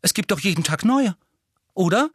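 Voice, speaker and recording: A man voicing a cool, defiant teenage boy wizard in an audiobook, curt and steady. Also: high-pitched, moderate pace, husky, dry recording, studio quality, voice pushed up. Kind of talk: audiobook character voice.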